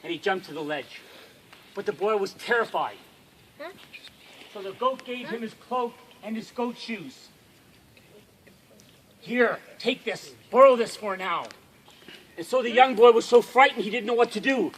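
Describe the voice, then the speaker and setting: A man with a very high voice telling a spooky tale around a campfire. He tells it dramatically, dropping to a hush and then rising loud. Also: normal speed, low-quality recording. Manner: dramatic, swings from hushed to loud. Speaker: camp storyteller. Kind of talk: campfire storytelling.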